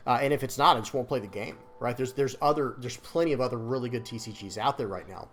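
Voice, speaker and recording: A man in an easygoing, unscripted commentary, voice sitting at an ordinary middle pitch. He talks in a loose, rambling way, stumbling over repeated words and circling back to rephrase. His tone is earnest and a little apologetic, like he's making a heartfelt case to his viewers. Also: fast, fairly bright tone, slight background noise. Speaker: card game content creator. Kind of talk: casual opinion commentary.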